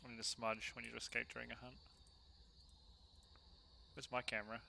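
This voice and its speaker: Bright-voiced man chatting through a game. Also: medium pitch, completely flat delivery, moderate pace, gravelly, slight background noise. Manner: chatty, slangy, thinking out loud. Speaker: gaming streamer. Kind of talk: casual solo gameplay commentary.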